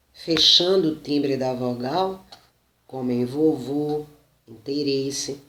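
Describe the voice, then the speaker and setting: Teacher from brazil, slow lesson delivery, mid pitch, roomy echo. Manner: slow, deliberate, frequent "né?" and self-corrections. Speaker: Portuguese teacher. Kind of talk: spoken lesson, reading and explaining.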